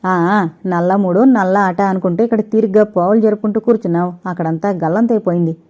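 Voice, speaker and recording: A woman's voice: medium pitch, warm tone, highs cut off, lightly acted. A woman voicing an anxious, complaining young male henchman, the boss's son. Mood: fretful. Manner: complaining, hurried. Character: anxious adult son of the boss, panicky henchman.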